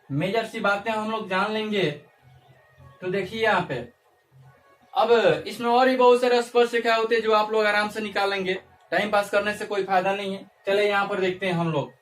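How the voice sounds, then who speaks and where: A male teacher giving a math lesson, asking the class questions and answering them himself, repeating phrases as he coaxes them along. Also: sits high. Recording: echoey room, mic far off.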